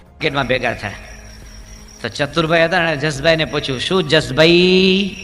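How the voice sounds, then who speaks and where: A monk gives a light-hearted sermon and acts out each joke's characters. His voice is bright, forceful and somewhat high. He sounds like he is in a large hall with a long reverb, with faint music underneath. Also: brisk. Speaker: monk preacher. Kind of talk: humorous sermon storytelling.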